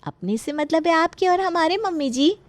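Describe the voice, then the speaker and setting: A woman's voice: sits high, expressive, normal speed, darkish tone, no room sound, pitched above the performer's own voice. A woman voicing a clever, cheeky young daughter-in-law with a sly, teasing manner.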